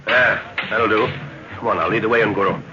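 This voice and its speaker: On a muffled, hissy old 1930s radio recording with music behind him, an actor plays a decisive older professor and father leading a jungle expedition. His natural voice is fairly low and steady, shifting between musing hums and brisk orders with an urgent, commanding air.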